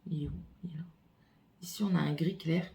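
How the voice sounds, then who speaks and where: A woman's voice: deep voice, fairly even intonation, fairly quick, creaky, warm tone. Chatty woman unboxing makeup at home. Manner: chatty, thinks aloud while unboxing. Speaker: beauty vlogger. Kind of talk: casual makeup haul with swatches. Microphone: phone camera.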